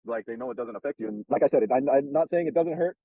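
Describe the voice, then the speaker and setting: Blunt, fast-talking profane man. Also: medium pitch, dry recording, dull audio. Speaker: host giving dating advice. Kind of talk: casual advice chat. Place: in a car.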